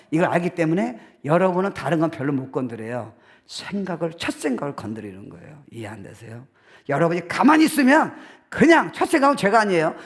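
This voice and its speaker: Animated laughing male pastor preaching. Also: on the high side. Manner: animated, laughing often, mixes in English phrases, acts out voices. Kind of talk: lively sermon. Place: church sanctuary.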